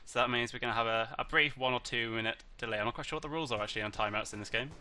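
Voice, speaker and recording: A man's voice: mid-range voice, very fast, bright, forceful tone. A tired man hosting a live esports stream over a headset mic. He talks in a chatty, rambling way and makes joking asides to the chat. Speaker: esports caster and host. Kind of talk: casual live-stream commentary. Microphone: headset mic with voice activation.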